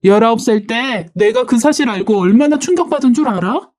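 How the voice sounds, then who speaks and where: A woman voicing a hot-tempered young woman who yells and accuses. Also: fairly high pitch, expressive, a little fast, voice pushed up, lightly acted. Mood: bitter. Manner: yelling, accusing.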